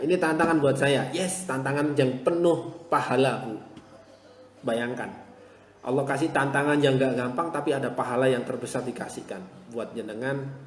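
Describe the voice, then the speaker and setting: A man leads a live online class, reassuring his viewers and repeating gentle encouragements, then getting loud and animated to press a point home. His mid-pitched voice rings through a hard, echoey room, and a long reverb trails each phrase. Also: slight background noise. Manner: reassuring, repeats "ya" and "insya Allah", swings to loud animated emphasis. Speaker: motivational teacher.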